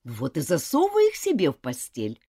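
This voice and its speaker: A woman voicing a stern but loving mother who scolds her daughter in a firm, lively voice. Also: low-pitched, brisk, slightly rough, full character voice.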